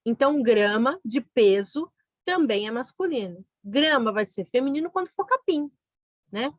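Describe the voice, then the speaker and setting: Woman teaching grammar, high and dry. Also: lively intonation, normal speed, no room sound. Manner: explains patiently, often adds "né?". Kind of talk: recorded grammar lesson.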